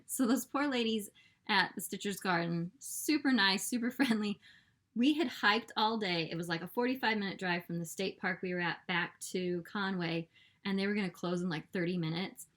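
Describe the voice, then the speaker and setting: A woman hosting a casual cross-stitch vlog, chatty and animated, laughing often and filling with "like" and "um" as she shows her purchases. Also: medium pitch. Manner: fills with "like" and "um". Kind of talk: casual show-and-tell chat.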